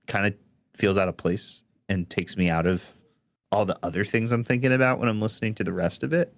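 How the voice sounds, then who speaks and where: A man's voice: lowish voice, fairly even intonation, brisk, vocal fry. A young man co-hosting a casual music podcast, rambling and filling his talk with "like". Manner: rambling, heavy use of "like", frequent laughs. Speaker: podcast co-host.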